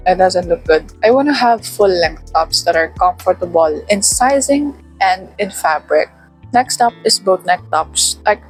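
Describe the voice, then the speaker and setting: A woman's voice: lowish voice, low-quality recording. A young woman with a Filipino accent, chatting casually to camera in a self-deprecating way, still a little sleepy. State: sleepy, just woken. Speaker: vlogger.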